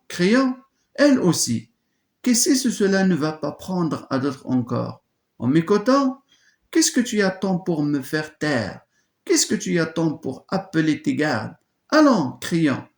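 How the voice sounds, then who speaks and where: A man's voice: mid-range voice, wildly swooping pitch, normal speed, vocal fry, few pauses, a little mellow. A man reading aloud the part of a young defiant woman, voice raised and dramatic, in an echoey room.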